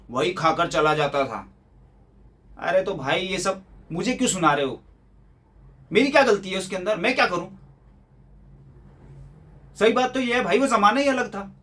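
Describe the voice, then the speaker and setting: A man playing a put-upon young son who grumbles on and on, in a slightly high voice. He fires off sarcastic rhetorical questions with aggrieved exasperation, in a theatrical stage monologue. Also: a bit bright. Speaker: actor performing a monologue.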